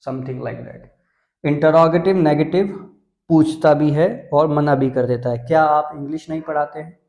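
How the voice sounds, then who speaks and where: A man's voice: fairly high pitch, moderate pace, darkish tone, echoey room. A young Indian man teaching English grammar on a video channel, explaining step by step and mixing English terms into Hindi. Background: dogs barking.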